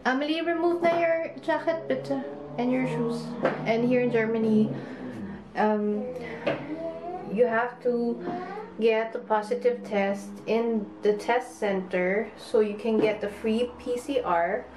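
A woman's voice: a little high, fairly even intonation, slow. A young woman with a Filipino accent chatting casually to a camera, mixing Tagalog into English and trailing off. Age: young adult. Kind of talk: casual chat vlog. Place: apartment kitchen indoors. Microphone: camera at arm's length. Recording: roomy kitchen, light background noise.

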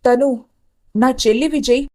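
A woman's voice: high-pitched, animated, normal speed, darkish tone. A woman playing a scheming elder sister. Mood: tense. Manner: tense, accusing.

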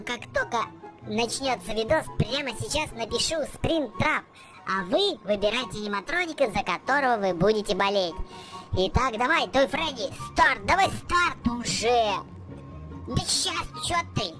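In a mid-range voice, a video host gives excited, exclamatory game commentary for kids, repeating words in bursts.

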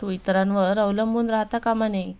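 A woman voicing a gentle young husband who reassures his wife, in a storybook reading. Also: medium pitch, steady tone, moderate pace, smooth, highs cut off, lightly acted.

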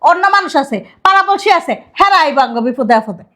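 An actress playing a sharp-tongued middle-aged stepmother who scolds sarcastically. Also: very high voice, animated. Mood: scolding. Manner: scolding, sarcastic, rapid retorts.

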